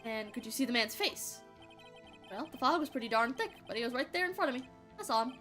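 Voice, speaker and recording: A woman's voice: a little high, animated, fast talker, a bit bright, faint music behind. A woman voicing an elderly male boat-rental witness with a put-on Southern accent and a folksy drawl.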